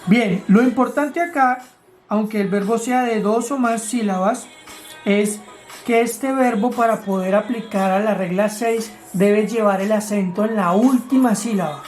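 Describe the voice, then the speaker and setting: A woman's voice: mid-range voice, measured pace, a little mellow, soft background music. A woman teaching grammar, explaining rules step by step in a patient way and asking her students questions. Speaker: English teacher.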